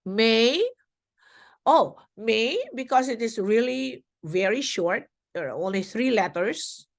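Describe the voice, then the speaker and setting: A woman teacher explaining a classroom lesson to young children, slow and deliberate, with fillers as she goes. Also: on the high side, expressive, vocal fry.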